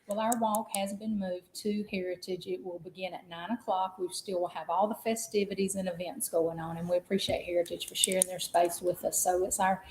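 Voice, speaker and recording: A woman speaking as a guest on a radio show about local health services, measured and earnest with small hesitations. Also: on the low side, fairly even intonation, a little mellow, roomy sound, a little hiss or hum, poor audio. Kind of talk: radio interview.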